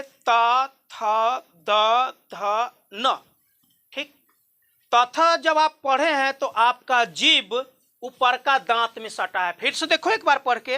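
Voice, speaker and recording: A male teacher gives a lesson in a high, bright voice. He moves through the material step by step, posing questions to the class and then answering them himself. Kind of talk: classroom-style Hindi grammar lesson.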